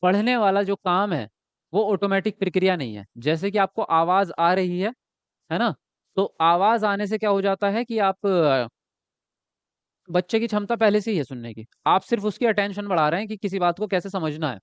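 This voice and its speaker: Male teacher for an exam-prep lesson: high, smooth voice that answers its own questions, close and dry, slightly dull recording. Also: animated, moderate pace, dry recording. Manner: explains by asking and answering himself; ends points with a checking tag.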